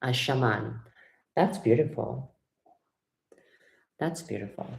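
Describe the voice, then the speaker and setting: In an echoey room, a woman from Ecuador with a creaky bass voice takes her time as she reads tarot live. She speaks viewers' comments aloud and reacts, repeating phrases of her own again and again.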